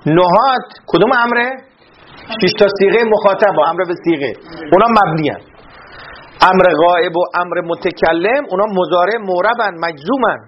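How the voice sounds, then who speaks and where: A man's voice: high-pitched, lo-fi sound. A man teaching Arabic grammar in a classroom lesson, reading a text aloud and explaining it, asking questions and answering them himself.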